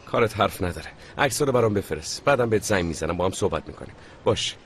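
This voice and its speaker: A man's voice: low-pitched, lively intonation. A stubborn, suspicious young man. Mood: businesslike. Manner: insistent, persuading. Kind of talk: dubbed TV drama. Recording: dubbed dialogue over loud score music.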